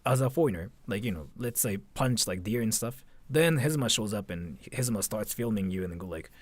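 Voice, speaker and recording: A man with a lowish voice chats casually on a livestream, talking briskly with lively intonation and no room sound. He's informal and slangy, commenting and frequently throwing questions out to his viewers.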